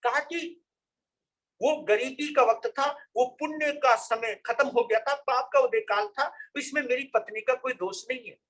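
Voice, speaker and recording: Man, monk, storytelling sermon, very high voice, repeats phrases for emphasis. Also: normal speed, a bit bright, low-quality recording. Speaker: Jain monk.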